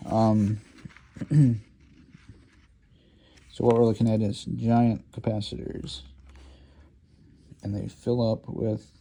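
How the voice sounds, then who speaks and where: A man's voice: lowish voice, flat delivery, slow pace, long pauses, dark tone. A man giving a rambling, informal lecture while drawing, hesitant with many ums and restarts. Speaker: lecture host.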